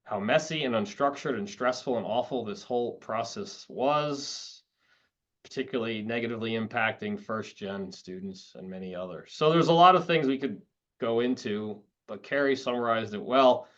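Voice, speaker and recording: Man speaking in slightly muffled audio. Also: medium pitch. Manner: thinking aloud with restarts. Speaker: law school career services advisor. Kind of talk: panel discussion.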